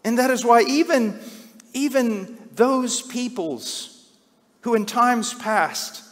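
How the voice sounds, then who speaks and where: A middle-aged man preaching a sermon, swinging from hushed, slow passages to loud, shouted cries. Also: very high voice, expressive. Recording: long hall reverb.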